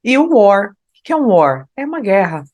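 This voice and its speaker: A woman with a Brazilian Portuguese accent teaching an online English lesson. She explains step by step, often checks in with "né?", and slows down to read lyrics aloud. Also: mid-range voice, very animated, a little mellow. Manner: explanatory, tags phrases with "né?".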